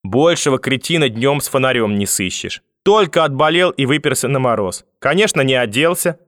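A man voicing a furious, sharp-tongued old grandmother in an audiobook, shouting insults in a high, loud voice. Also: expressive, normal speed, no echo, studio quality, close to an everyday voice. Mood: scolding. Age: older. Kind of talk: audiobook character voice.

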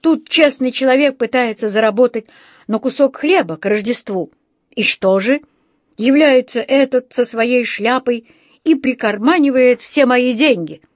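A woman doing a shrill aggrieved street musician. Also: a little slow, no room sound, studio quality, close to an everyday voice. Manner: shrill, complaining. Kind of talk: storybook reading.

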